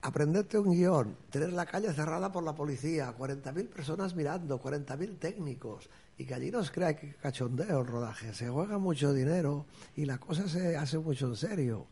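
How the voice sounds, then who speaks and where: A comic actor, telling earthy, swear-filled anecdotes in a casual interview and acting out quotes. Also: male voice, a little high, expressive, normal speed, mellow, slightly rough.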